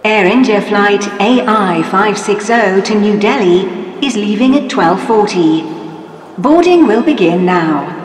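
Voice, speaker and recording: Woman, airport announcer, formal measured delivery, roomy reverb. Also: medium pitch, animated, a little hiss or hum. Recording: echoey hall from a distance.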